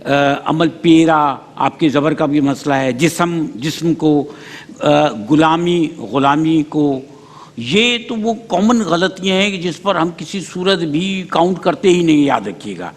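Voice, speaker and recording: A man's voice: a little high, measured pace. A man judging a speech contest on a studio panel, correcting each pronunciation slip one by one. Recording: reverberant studio hall.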